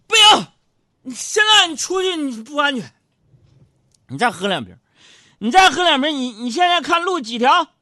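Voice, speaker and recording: A tipsy middle-aged drinking uncle , played by a male comedian, with a Northeastern Mandarin accent, pushing advice in a raised, loud, slurring voice. He sounds sure of himself and speaks slowly, very dry and close. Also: very high-pitched, animated, no echo, voice pushed up. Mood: insistent. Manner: slurring, know-it-all.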